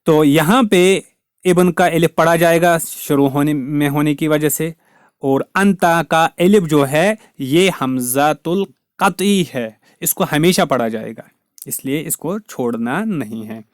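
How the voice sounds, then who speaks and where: A man walks through a grammar lesson at a very unhurried pace, saying each word and then its meaning, often twice. His voice sits slightly high for a man. The sound is close and dry, with no room around it. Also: no echo. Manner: slow, careful explaining, repeats each word with its meaning. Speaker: Arabic teacher. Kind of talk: recorded lesson explaining grammar.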